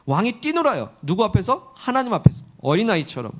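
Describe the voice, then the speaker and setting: Pastor, male, high-pitched voice, earnest sermon delivery with coaxing questions to the congregation. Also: big pitch swings, quick pace, a bit bright. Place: church sanctuary.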